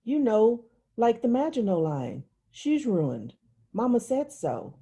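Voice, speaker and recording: For literary audiobook dialogue, a woman voices an upset young girl confiding in plain, childlike words, fully in character and pitched above her own voice. The tone is soft, very mellow and slightly husky, a little high and sing-song at a slow pace, sounding reluctant and easily exasperated.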